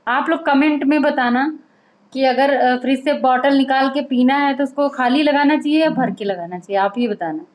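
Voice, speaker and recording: Soft, pleading woman at home. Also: sits high, moderate pace, low-quality recording. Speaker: wife in a prank vlog. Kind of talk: casual home conversation. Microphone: camera set up in front.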